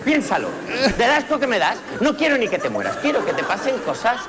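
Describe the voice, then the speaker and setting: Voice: mid-range voice, huge pitch swings, fairly quick, a crowd in the background. A comedian in a stand-up monologue, building a comic list of petty curses.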